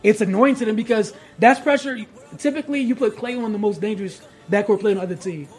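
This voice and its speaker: A man co-hosting a casual sports podcast, emphatic and slangy, building up to loud points. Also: high voice, fast talker. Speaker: podcast co-host.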